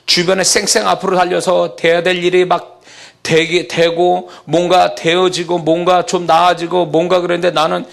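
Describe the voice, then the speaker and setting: A male pastor delivering an emphatic sermon that builds from quiet reflection to loud preaching. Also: sits high, creaky.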